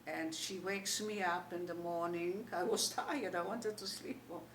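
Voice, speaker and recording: An elderly woman from Poland with a Yiddish accent tells her life story in an animated way, retelling remembered dialogue. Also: fairly low pitch, unhurried. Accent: Polish Yiddish. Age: older, 80s. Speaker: Holocaust survivor giving testimony. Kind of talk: oral history storytelling. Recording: echoey room, distant mic, faint noise.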